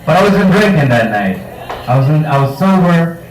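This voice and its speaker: A man's voice: on the high side, very animated, normal speed, slight background noise. A man doing a live stand-up set at a bar comedy night, talking casually and profanely on a handheld mic, with self-mocking crowd work. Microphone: handheld microphone. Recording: roomy bar sound from a distance.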